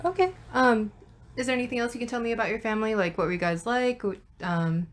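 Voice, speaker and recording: A woman's voice: fairly high pitch, fast talker. A young woman conducting an oral history interview, asking questions tentatively with many fillers.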